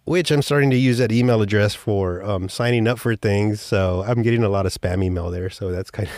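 A man's voice: fairly low pitch, very animated, normal speed, darkish tone, no room sound, studio quality. A man hosting a podcast, telling a rambling story casually, with swearing and offhand jokes. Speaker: podcast host.

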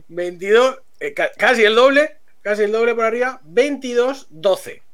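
A man tells a story to friends on a stream. He is animated and laughs often as the tale unfolds. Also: very high-pitched, measured pace.

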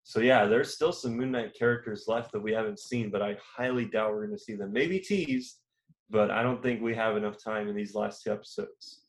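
A man with a brisk voice on the low side co-hosts a podcast, chatting casually in long, rambling turns full of fillers and restarts.

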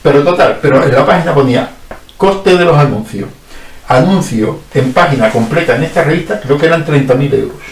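A man with a somewhat high voice, talking as a guest in an easygoing radio-style chat. He explains things in a rambling way, often breaking off and restarting his sentences. He sounds set back from the mic, in a roomy space. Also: fairly quick, distant mic. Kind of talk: casual radio-style conversation.

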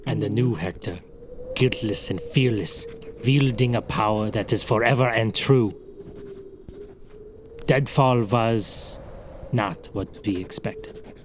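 A man's voice: lowish voice, takes it slowly, long pauses, noisy background. A man playing a letter-writer who now feels fearless, reading his letter solemnly.

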